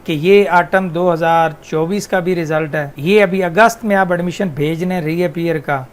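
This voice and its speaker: A man talks through a casual screen tutorial. His voice sits fairly high, and he explains each step plainly and then repeats the main points so they stick. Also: normal speed. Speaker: channel host explaining university exams.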